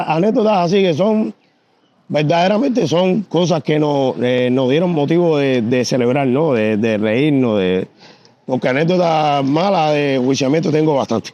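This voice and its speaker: A man from Cuba, a pigeon competition judge telling anecdotes in an interview, animated and full of fillers and restarts. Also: a little high, no room sound, highs cut off. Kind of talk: storytelling in an interview.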